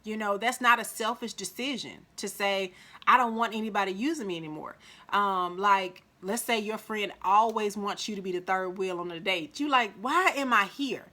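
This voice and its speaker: A woman with a Mississippi accent giving casual life advice to the camera, chatty, acting out quoted voices with big jumps in pitch. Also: moderate pace, pushed and bright. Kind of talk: casual motivational talk to camera.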